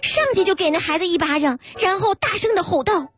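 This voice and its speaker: A woman's voice: very high voice, animated, a little fast. A woman radio host, telling comic stories in the first person over background music. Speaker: radio host reading jokes. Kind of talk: scripted comic storytelling. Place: radio studio.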